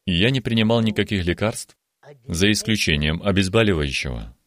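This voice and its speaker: A man's voice: sits low, expressive, fairly quick, fairly bright tone. A man in his eighties giving an earnest, emphatic religious testimony on a television studio program. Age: 80s. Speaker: guest giving a healing testimony.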